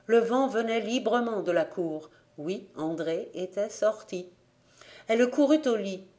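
Woman reading an audiobook, measured and steady. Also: medium pitch. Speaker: volunteer audiobook reader. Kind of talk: audiobook narration of a classic novel.

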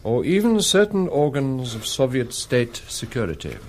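A measured spymaster in a screen drama. He is formal and understated, polite yet steely, with a mid-pitched voice that moves expressively over faint background noise. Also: wildly swooping pitch. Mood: courteous, coolly menacing. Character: quiet, measured British spymaster interrogator, courteous but steely.

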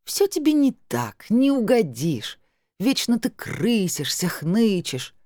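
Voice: medium pitch, sing-song, normal speed, darkish tone, no echo, studio quality. A reader voicing a drunk, coarse middle-aged woman who shrieks slurred abuse. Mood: drunk bickering. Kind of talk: audiobook character voice.

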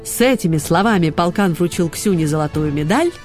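Woman narrator, children's storybook, very animated pitch, faint music behind. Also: brisk. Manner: lively, expressive.

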